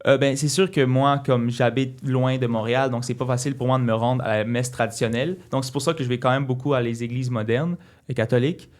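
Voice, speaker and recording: A man's voice: medium pitch, steady tone. Earnest young man. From Quebec. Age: 20s. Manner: earnest, halting with many restarts. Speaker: interview guest. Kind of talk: casual interview talk.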